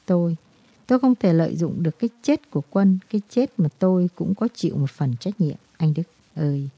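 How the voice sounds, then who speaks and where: A woman voicing a guilt-ridden, despairing man who confesses in a halting, brooding way, in a storybook reading. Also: on the low side, warm tone, breathy edge, no room sound, muffled recording.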